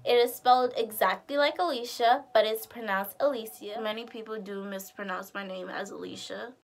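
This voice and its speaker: A young woman of about twenty, from Guyana and the United States and raised partly in Maryland, vlogs to camera from a curtained room at home. Her mid-range voice is gravelly and fairly even in intonation, moving at a moderate pace as she chats casually and expressively.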